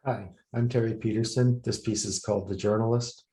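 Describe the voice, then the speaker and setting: A man reading his own short story aloud at a public reading, in a measured, low-key way. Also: steady tone, mellow. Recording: roomy reverberant venue.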